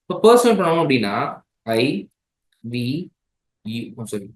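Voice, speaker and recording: A man's voice: medium pitch, very animated, measured pace, reverberant, a little hiss or hum, poor audio. A man teaching an exam-prep grammar lesson with a Tamil accent, switching between languages and often checking in with his students. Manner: mixes languages, checks in with "right?".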